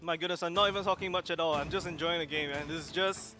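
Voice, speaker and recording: A man's voice: fairly high pitch, fairly even intonation, fast talker, sharp tone, slight background noise. A man casting an esports match in a casual, chatty way, playful and rambling as his attention wanders. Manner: playful, rambling, easily distracted. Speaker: esports caster.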